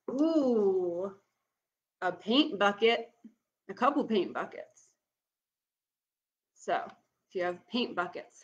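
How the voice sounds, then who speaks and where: Calling bingo for an online game, a young woman announces every item and then says it again while walking players through the steps casually. Her voice is mid-pitched, and the recording comes from a computer microphone in a small room at her home, with the high frequencies cut off.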